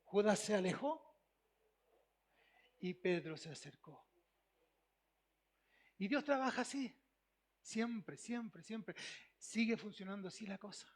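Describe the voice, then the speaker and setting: Un pastor con acento chileno que predica con énfasis, repitiendo frases y haciendo preguntas a la congregación. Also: male voice, high-pitched, measured pace, pauses often. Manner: emphatic, repeats phrases, asks the congregation questions. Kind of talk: sermon.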